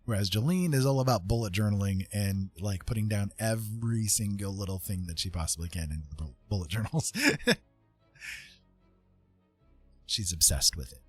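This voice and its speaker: A middle-aged artist-writer muses earnestly and with some hesitation during a casual livestream, music playing in the background. He speaks briskly in a fairly low, husky voice.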